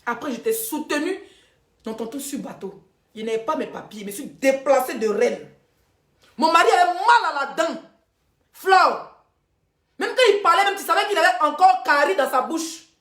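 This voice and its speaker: A woman with an Ivorian French accent holds forth on a livestream, repeating her points and swinging from loud, high outbursts to low, quiet asides. Her voice sits somewhat high. The room around her is echoey. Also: lively intonation, normal speed, pauses often. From Ivory Coast. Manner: emphatic, repeats herself, voice rising and dropping sharply. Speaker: social media livestreamer. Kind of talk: heated livestream monologue.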